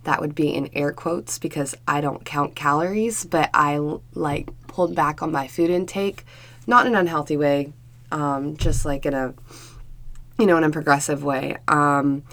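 A young adult woman co-hosting a podcast, chatting candidly with many fillers, her voice hoarse from being sick. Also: sits low, steady tone, normal speed, fairly bright tone. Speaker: podcast co-host. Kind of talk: casual chat.

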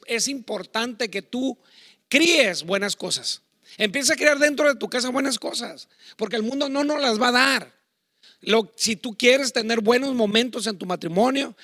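A middle-aged man with a Mexican accent preaching a sermon on marriage, talking loudly in a chatty, digressive way with asides. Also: very high-pitched, no echo, studio quality. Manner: loud, self-admittedly talks shouting. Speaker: pastor. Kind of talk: sermon on marriage to online viewers.

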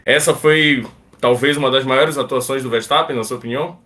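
A Brazilian man hosts a casual sports podcast. His voice sits at a middle pitch and sounds a little far from the microphone. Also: brisk, a bit bright. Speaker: podcast host.

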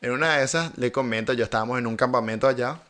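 A man who teaches languages, a guest on a casual podcast. He tells anecdotes in an animated way, laughing often as he goes. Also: mid-range voice, quick pace.

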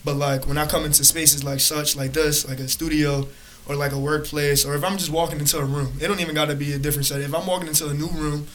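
A young man with a fairly high voice chats casually as a podcast co-host. He talks in loose, slangy bro style with lots of "like", over some background noise. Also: level tone, fast talker, a bit bright. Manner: slangy bro talk, frequent "bro" and "like". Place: studio.

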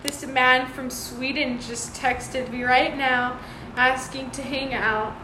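High-voiced giggly young woman. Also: steady tone, slow. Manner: giggly, storytelling, lots of "like". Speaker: podcast co-host. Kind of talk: casual chat. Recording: echoey room with noise.

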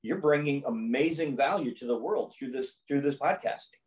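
A man's voice: medium pitch, lively intonation, moderate pace, a little mellow, poor audio. A man who is a podcast guest and sales coach, making his points emphatically in a conversational interview and often repeating phrases for effect.

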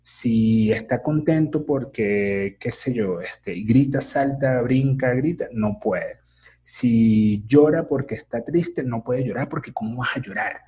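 A man, a teacher and therapist in training, explains emotions and parenting in a casual interview, often checking in with "ok?" and filling pauses with "eh". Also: medium pitch, warm tone, a little hiss or hum. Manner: reflective, explains with many fillers and "¿ok?" checks.

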